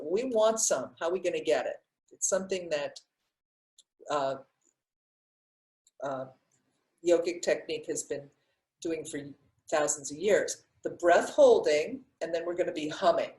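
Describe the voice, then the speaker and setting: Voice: medium pitch, a little mellow, roomy sound, low-quality recording. A breathwork teacher explaining science casually with many restarts, then guiding a class through breathing exercises.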